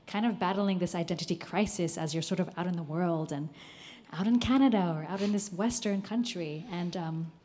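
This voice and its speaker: A woman's voice: on the low side, a little fast, dark tone. A woman from the Philippines with an American accent, sharing enthusiastically in a book discussion. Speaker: book club participant.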